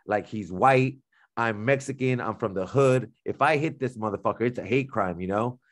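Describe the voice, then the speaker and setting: A man's voice: medium pitch, normal speed. Man, podcast co-host, casual storytelling, blunt, profane, street slang, acts out quotes. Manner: retells events by acting out quoted dialogue.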